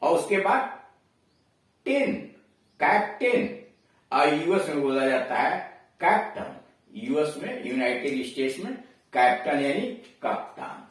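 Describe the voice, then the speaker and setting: A man with a Hindi accent, teaching English pronunciation slowly in a classroom lesson, repeating each word as he explains it. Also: a little high, lively intonation. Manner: slow, explanatory, repeats words for drilling. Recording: echoey room, voice far from mic.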